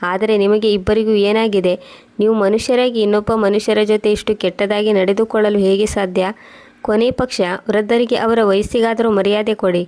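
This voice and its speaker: A woman's voice: medium pitch, moderate pace, natural voice. A woman reading as a young married daughter. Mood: pleading. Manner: flat, even reading.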